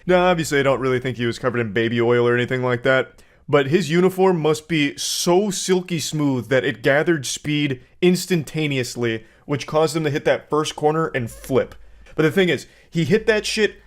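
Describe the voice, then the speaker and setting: A man's voice: on the high side, normal speed. A man giving casual comedic commentary as a video host, rambling in mock-serious analysis with swearing and hyperbole, close on the microphone. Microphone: close desk microphone.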